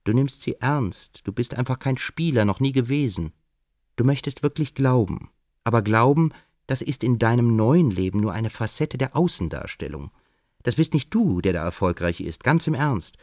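A man's voice: low-pitched, fairly quick, a little mellow, no room sound, studio quality. A man reading an audiobook, voicing a cynical, eloquent male friend who talks in a pompous, lecturing way.

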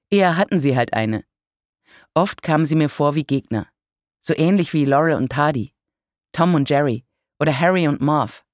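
Brief: audiobook narrator, measured first-person reading, wry humor, close and dry. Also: medium pitch, darkish tone, no echo.

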